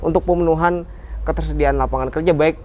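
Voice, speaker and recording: A man with a Banjar-tinged Indonesian accent hosting a casual interview, speaking in a relaxed, drawn-out way. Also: fairly high pitch. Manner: relaxed, drawn-out, many soft hums of assent. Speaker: host.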